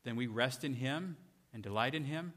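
Rhetorical questions pepper a man's conversational sermon, delivered at normal speed in a medium-pitched, slightly bright voice. The recording has a long hall reverb.

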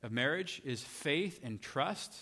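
A man's voice: mid-range voice, lively intonation, slow pace, bright, forceful tone, husky. A man preaching a sermon in a conversational way, often asking his listeners rhetorical questions. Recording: long hall reverb.

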